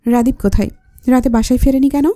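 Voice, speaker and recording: A woman voicing a stern, sharp-tongued middle-aged mother. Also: high voice, steady tone, quick pace, no echo, clean studio sound, close to an everyday voice.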